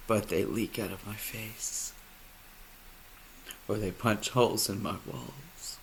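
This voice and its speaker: A man speaking a personal monologue, halting and emotional, often dropping to a near whisper. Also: lowish voice, creaky, a bit bright, slight background noise. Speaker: vlogger.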